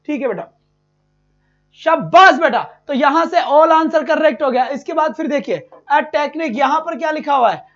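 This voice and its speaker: A man giving an energetic online exam-prep lesson, repeating points and calling his students "beta". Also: very high-pitched, lo-fi sound.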